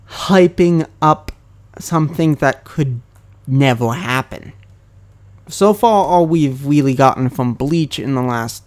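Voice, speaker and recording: Talking to the camera about anime, this young YouTuber gives a casual, rambling monologue in a medium-pitched, slightly mellow male voice. He hesitates often, filling gaps with ums and correcting himself.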